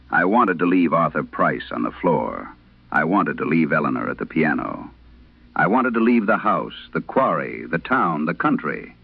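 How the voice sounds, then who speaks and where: For a horror radio play, a man voices an aging exorcist priest in a very low, gravelly voice. His confession comes in grave, literary, measured phrases that range widely in pitch, haunted and intense, delivered as a heavily acted dramatic monologue. The audio is narrow and tinny.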